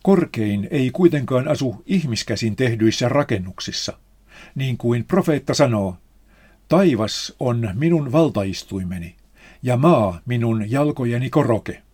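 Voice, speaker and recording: A man reading a spiritual text aloud in a measured, solemn manner. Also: mid-range voice, animated, darkish tone, husky.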